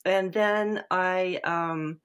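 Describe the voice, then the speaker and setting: A woman's voice: on the low side, fairly even intonation, extremely slow, fairly bright tone, clean tone. A woman guest in a casual interview, rambling and self-deprecating with many fillers and restarts. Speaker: guest filmmaker.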